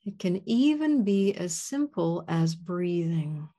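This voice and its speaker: A woman leading a guided gratitude meditation in a soft, soothing voice. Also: lowish voice, sing-song, slow pace.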